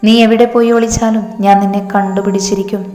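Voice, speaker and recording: A woman's voice: medium pitch, level tone, fast, warm tone, natural voice. Woman reading as a furious young man. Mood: angry. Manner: angry, snapping. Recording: echoey room with long reverb, faint music.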